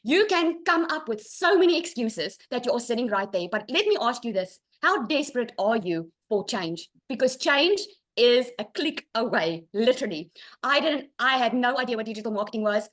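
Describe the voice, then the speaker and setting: An earnest South African woman tells her own story on a webinar, speaking through a video call. Her voice sits a little high, and she talks in a heartfelt, persuasive way. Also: sing-song, normal speed, fairly bright tone. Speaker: guest sharing her success story. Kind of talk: personal testimonial on a webinar.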